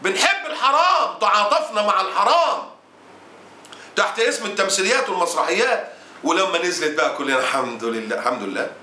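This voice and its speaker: An indignant Egyptian preacher delivers his sermon at a racing clip, his voice high and sharply bright. He scolds with fiery conviction. The room around him rings with echo. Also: lively intonation, fast talker. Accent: Egyptian Arabic. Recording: roomy echo.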